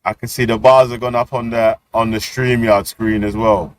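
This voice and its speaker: A man's voice: on the low side, fairly even intonation, normal speed. A man with a London roadman street accent, chatting casually on a livestream with lots of slang and tag questions. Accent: London, street roadman style. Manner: slangy, repetitive, punctuated with "yeah?" and "innit". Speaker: livestream host. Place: outdoors on city streets while streaming.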